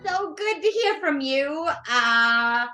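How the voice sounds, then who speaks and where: Woman, bright voice, very expressive, playful casual chat, tabletop role-player. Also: high voice, takes it slowly, faint music behind.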